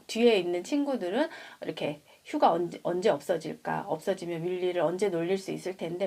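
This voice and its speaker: A woman in her thirties reading a picture book aloud to expecting mothers, pausing to comment and speaking to them directly. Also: fairly low pitch. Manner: expressive, addresses mothers directly. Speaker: prenatal storyteller for mothers.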